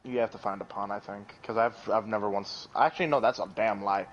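A man's voice: on the low side, fairly quick, lo-fi sound. A drunk man playing a game with a friend, drawling and swearing casually. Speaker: co-player. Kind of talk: casual gaming chat.

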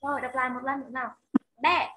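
On a video call, a woman teacher with a Vietnamese accent leads an online English vocabulary drill, modeling each word slowly, repeating it and coaxing pupils to say it back. Her high voice is sharp with fairly even intonation, and the recording is low quality.

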